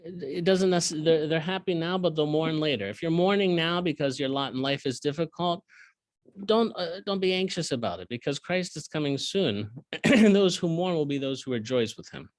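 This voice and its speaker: A man leading a Bible study as a priest, reading verses aloud and explaining them in casual asides, often clearing his throat. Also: a little high, moderate pace, dry recording. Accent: Southern American. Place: cathedral.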